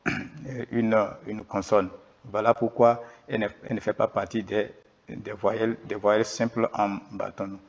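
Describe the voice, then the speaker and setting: Hesitant low-voiced man teaching. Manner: hesitant, many fillers and self-corrections. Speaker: literacy teacher. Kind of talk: explaining an alphabet lesson. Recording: dull lo-fi recording.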